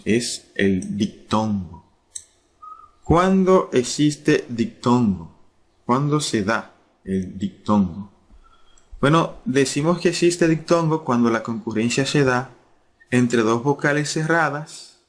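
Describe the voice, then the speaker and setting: Male teacher voice, unhurried and measured, repeats key terms as he explains. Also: medium pitch. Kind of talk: slow explanatory lesson.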